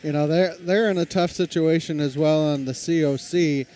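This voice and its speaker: A man announcing a high school basketball game play-by-play, talking in a casual, conversational way. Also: fairly even intonation, normal speed, mellow. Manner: conversational, reads lineups, self-deprecating.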